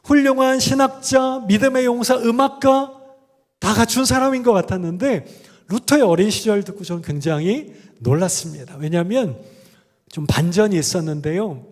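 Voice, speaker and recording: A man's voice: sits high, moderate pace. A man speaking as a guest professor in a church, preaching in a conversational way and often putting questions to the congregation. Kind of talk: sermon with sung examples. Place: church sanctuary. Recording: long church hall reverb.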